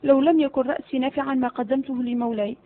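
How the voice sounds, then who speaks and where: A woman reading the part of a cunning male servant who flatters his master. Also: high voice, fast talker. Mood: sly. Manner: flattering, sly. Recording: phone-like narrow audio.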